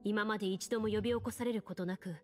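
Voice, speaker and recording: A woman's voice: medium pitch, steady tone, darkish tone, faint music behind, close to an everyday voice. A woman playing a composed, commanding female duelist who narrates as game master in a game. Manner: composed, measured. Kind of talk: Japanese game voice acting.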